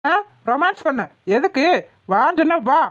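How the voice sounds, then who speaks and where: A woman's voice: high-pitched, expressive, normal speed, no room sound, lo-fi sound. A woman voicing a lecturing bossy village husband. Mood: teasing. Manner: lecturing, scolding.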